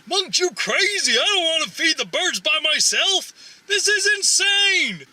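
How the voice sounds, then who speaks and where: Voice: very high-pitched, sing-song, a little slow, bright, forceful tone, full character voice. A man voicing a grumpy, panicky octopus puppet in a children's show, complaining in exasperation. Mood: exasperated, scared.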